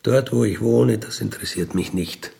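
A middle-aged man with an Austrian accent, an ex-convict burglar, tells his life story in a candid, conversational monologue. His fairly low, mellow voice has vocal fry and moves at a moderate pace. He's matter-of-fact and often checks in with short tag questions.

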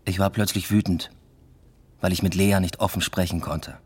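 A man plays a secretive, restless lover in a literary radio drama, serving as first-person narrator and lead actor in intimate narration and dialogue. His understated, matter-of-fact delivery is reflective and subdued. His voice is low-pitched and darkish with a breathy edge, a level tone and moderate pace.

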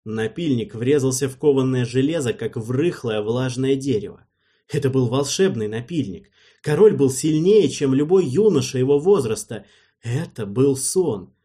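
A man reads an audiobook aloud with measured, storytelling pacing. His voice sits at a mid pitch, and its tone is husky rather than clean. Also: animated, warm tone. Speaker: narrator. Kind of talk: audiobook narration.

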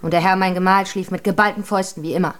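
A woman's voice: lowish voice, steady tone, rapid-fire, crowd noise, lightly acted. Woman playing a muddled would-be Joan of Arc. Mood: dreamy. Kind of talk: radio play acting.

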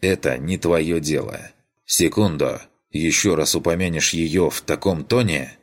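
A man's voice: rumbling low, animated, unhurried, exaggerated voice. A man voicing a stern young inquisitor in an audiobook, speaking in a curt, clipped way. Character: stern young male inquisitor, gruff and guarded.

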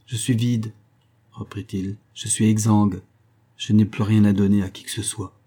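A man voicing a resigned, self-loathing man in an audiobook, in a flat, defeated tone. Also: on the low side, normal speed, lightly acted. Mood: weary.

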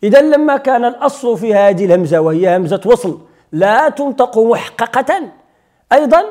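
A man's voice: sits high, a little mellow. A man with a Moroccan Arabic accent teaching Quran recitation rules. He explains step by step, puts questions to his students and recites short examples.

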